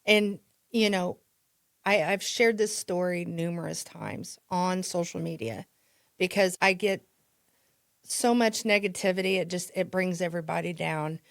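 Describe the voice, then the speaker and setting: A woman with a lowish, creaky voice and a Midwestern American accent speaks at a measured pace in echo-free studio-quality audio. As a podcast guest and real estate agent, she tells a story chattily and casually, with restarts and laughs.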